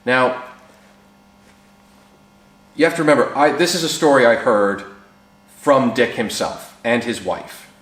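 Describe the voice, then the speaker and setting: A man casually telling old racing anecdotes, animated and acting out the people he quotes, with relaxed fillers. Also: medium pitch, moderate pace, echoey room. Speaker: former racing team mechanic telling stories. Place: workshop.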